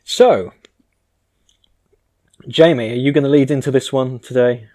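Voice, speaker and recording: A man's voice: medium pitch, a little slow, mellow. A man hosting a podcast in casual comedic chat, with a sweary, bantering manner. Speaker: podcast host.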